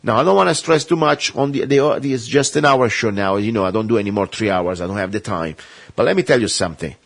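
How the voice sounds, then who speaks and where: A man's voice: fairly low pitch, quick pace, creaky, no room sound. A man hosting a talk radio show, delivering an emphatic, rambling, impassioned monologue.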